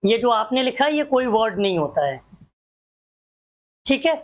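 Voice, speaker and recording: A woman's voice: a little high, sing-song, moderate pace. A woman teaching a grammar class, drilling examples one by one and asking rhetorical questions that she answers herself.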